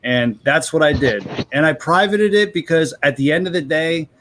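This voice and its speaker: A man's voice: a little high, expressive, normal speed, fairly bright tone, a little hiss or hum. A man in his thirties, a guest on a livestream panel, explaining himself in frank, rambling casual chat. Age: 30s. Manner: frank, rambling, self-justifying.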